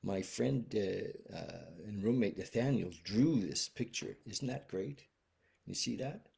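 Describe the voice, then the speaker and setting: A man hosting a recovery video from home, talking casually and gently, with many restarts, and apologetic. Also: lowish voice, expressive, measured pace, vocal fry, slightly rough. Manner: rambling, many restarts and fillers. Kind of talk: casual heartfelt talk. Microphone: webcam video stream.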